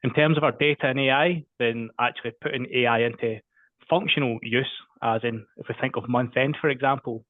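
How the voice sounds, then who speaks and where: A man with a Scottish accent pitches his business in a brisk, matter-of-fact way. His voice comes through a narrow, phone-like video call line. The sound is dry, with no room around it. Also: dry recording. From Scotland. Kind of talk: short networking pitch.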